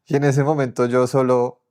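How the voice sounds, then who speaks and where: A man's voice: medium pitch, a little mellow, clear, resonant tone. A young man telling his personal faith testimony earnestly, often quoting what he said and prayed. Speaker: testimony speaker.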